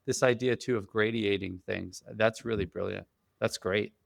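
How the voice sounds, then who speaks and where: A man hosting a parenting podcast, an energetic, talkative therapist who is quick to praise his guest. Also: fairly low pitch, vocal fry, no echo, clean studio sound. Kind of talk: casual podcast conversation.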